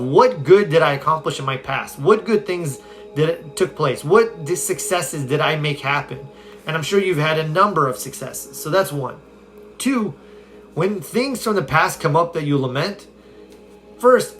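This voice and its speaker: A man with a slightly high voice chats on a live phone stream, upbeat and conversational as he answers viewer questions. Faint music plays quietly behind him. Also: expressive, normal speed. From California. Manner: upbeat, conversational, reads viewer comments aloud. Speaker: self-help coach.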